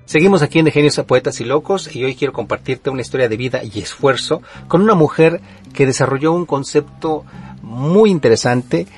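A man hosting a broadcast interview show, speaking in a measured, formal presenter manner. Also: mid-range voice, soft background music. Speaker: radio show host.

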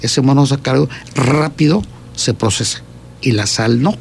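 A man with a gravelly, creaky voice pitched in the middle range. He explains diet and health habits in a conversational way, repeating words and often adding a questioning "¿sí?". A faint noise sits under his voice. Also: moderate pace. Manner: keeps checking in with a questioning "¿sí?"; repeats words while gathering thoughts.

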